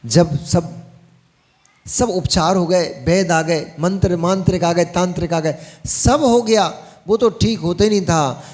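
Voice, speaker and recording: High-voiced man preaching. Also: slow, darkish tone. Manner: folksy, addresses the audience directly with teasing asides. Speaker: Jain monk preacher. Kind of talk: sermon.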